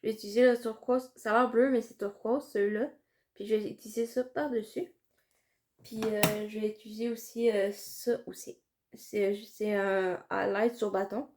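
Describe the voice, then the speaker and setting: A woman's voice: medium pitch, fairly even intonation, normal speed, a little mellow. A woman with a Quebec French accent chatting casually through a makeup tutorial, rambling and hesitant with many fillers. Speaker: makeup vlogger.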